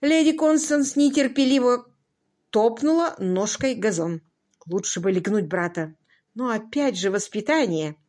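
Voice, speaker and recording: A woman reading an audiobook as narrator, in a wry, expressive scripted narration. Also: a little high, unhurried.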